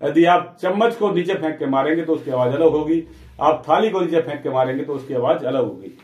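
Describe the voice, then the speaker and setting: A man's voice: fairly high pitch, brisk, a little mellow, echoey room, lo-fi sound. A man teaching a physics lesson, who often asks a question and then answers it himself.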